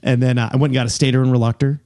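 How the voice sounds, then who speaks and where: A middle-aged man co-hosting a casual comedy podcast, telling animated stories and acting out what people said. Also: medium pitch, rapid-fire, no room sound, clean studio sound. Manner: animated storyteller, acts out quotes. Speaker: podcast co-host.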